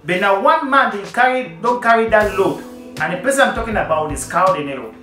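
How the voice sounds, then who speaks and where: Young man, animated vlog commentary, bright tone, roomy echo. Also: high voice, brisk, soft background music. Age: young adult. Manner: animated, emphatic, addresses viewers directly. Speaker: vlogger. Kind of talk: casual commentary to camera. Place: plain indoor room.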